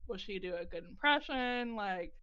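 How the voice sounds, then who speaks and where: A woman's voice: medium pitch, animated, normal speed, fairly bright tone, clear, resonant tone. A young woman co-hosting a casual book discussion, talking it over and checking her notes. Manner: conversational, reads from her notes. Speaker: book club podcast co-host. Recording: slightly dull lo-fi audio.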